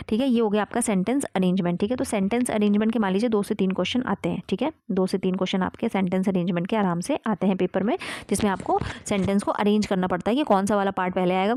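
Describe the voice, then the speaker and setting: A woman teaches an exam-prep lesson at a brisk clip. She explains step by step and keeps checking in with her students. The sound is close and dry, with no room around it. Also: mid-range voice, darkish tone, no room sound. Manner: explanatory, frequent "theek hai" check-ins. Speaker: English teacher.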